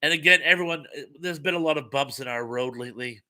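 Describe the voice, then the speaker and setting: A fast-talking man with a high-leaning, pushed, bright voice runs a laid-back livestream, reading comments from viewers and tossing in wry asides. His voice is giving out as he goes.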